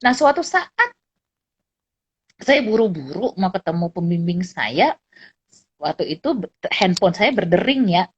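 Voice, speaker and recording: A middle-aged woman psychologist and lecturer chatting casually, telling animated anecdotes and often laughing. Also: lowish voice, measured pace, pauses often, slightly rough. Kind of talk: casual storytelling chat. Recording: dull lo-fi recording.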